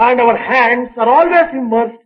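A man translating a spiritual discourse line by line, in measured, deliberate phrasing. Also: very high-pitched, muffled recording, slight background noise. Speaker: interpreter.

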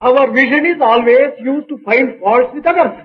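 A man translating a spiritual discourse line by line, in measured, deliberate phrasing. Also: very high-pitched, highs cut off. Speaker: interpreter.

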